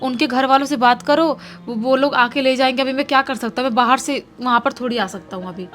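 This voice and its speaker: A woman's voice: high voice, brisk, a bit bright. A woman doing a dismissive offhand cousin. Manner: offhand, brushing off.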